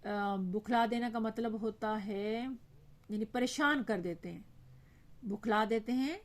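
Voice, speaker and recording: A woman's voice: a little high, slow. A woman teacher with a Pakistani Urdu accent reads a lesson aloud. She acts out its dialogue and then explains each line. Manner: reads the dialogue with raised, animated voices, then explains in a calmer voice.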